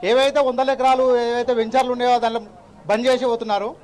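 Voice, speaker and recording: A man's voice: very high voice, little pitch movement, racing, a little mellow. A man farmer, interviewed outdoors at a protest, speaking urgently about losing his land. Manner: urgent, complaining. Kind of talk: on-the-spot interview.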